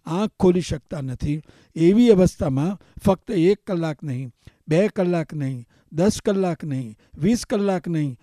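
High-voiced man giving a spiritual discourse. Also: mellow, dry recording, studio quality. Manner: repetitive, rhythmic lists and chanted refrains. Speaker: meditation teacher.

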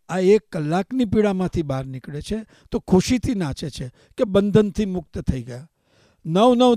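A man delivers a spiritual discourse as a meditation teacher. He builds points through rhythmic repetition and returns to chanted refrains. His voice sits high but sounds deeply mellow, and the recording is close and dry. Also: no echo.

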